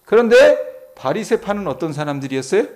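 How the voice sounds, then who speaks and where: A man's voice: sing-song, fairly quick, darkish tone. A middle-aged male pastor, preaching an early morning Bible sermon and asking the congregation questions, then answering them himself. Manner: acts out quoted voices with sudden pitch jumps. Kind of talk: dawn service Bible exposition sermon.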